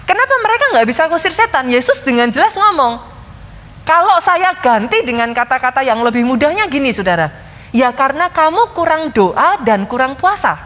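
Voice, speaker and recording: Woman pastor, high voice, lively sermon storytelling, long hall reverb. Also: fairly quick. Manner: lively storytelling, addresses congregation often. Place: large church hall.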